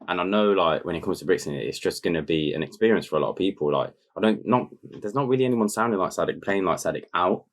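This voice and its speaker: Very deep-voiced laid-back man. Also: fast, few pauses. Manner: laid-back slang-heavy banter. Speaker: podcast co-host. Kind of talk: casual chat.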